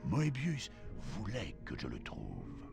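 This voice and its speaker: An actor playing a haughty, cold ancient vampire lord in a video game, with measured, theatrical menace. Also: male voice, extremely low pitch, wildly swooping pitch, vocal fry, heavily acted. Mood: brooding. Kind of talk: dramatic video game narration. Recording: loud game music underneath. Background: loud game music.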